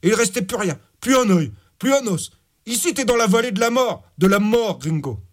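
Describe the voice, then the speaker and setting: A man voicing a slow-witted, mocking male thug henchman in an audiobook, with slangy speech. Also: sits high, expressive, voice pushed up. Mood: taunting.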